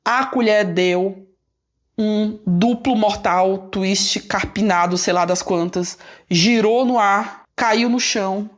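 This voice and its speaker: A woman recounts an embarrassing episode straight to her viewers. She tells it in an animated, self-mocking way. She stops often to talk to the audience directly. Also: mid-range voice, slow pace. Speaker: vlogger telling a personal story. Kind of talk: casual storytelling to viewers.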